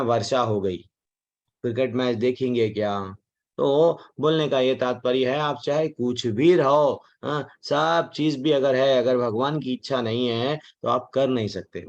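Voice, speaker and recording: A man teaching a devotional class on the Gita in a chatty way, mixing in English words and acting out the voices he quotes. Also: mid-range voice. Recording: dull lo-fi recording.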